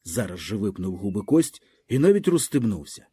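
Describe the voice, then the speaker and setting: A man's voice: fairly low pitch, very animated, normal speed, dark tone, husky. A man reading a literary story aloud as an audiobook narrator, telling it expressively and vividly.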